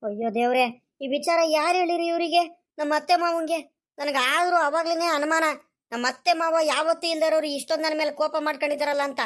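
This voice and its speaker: A worried young village husband, voiced by a woman, pleads and asks the same questions again and again. The voice sits high. It is a village comedy cartoon. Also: steady tone, a little fast, lightly acted. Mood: defensive.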